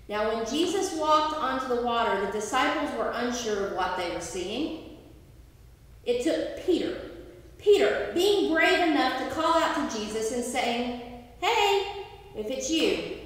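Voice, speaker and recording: A woman pastor preaching a sermon slowly and deliberately, with dramatic pauses, recorded in a church sanctuary. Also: high-pitched. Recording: roomy sanctuary echo from far off.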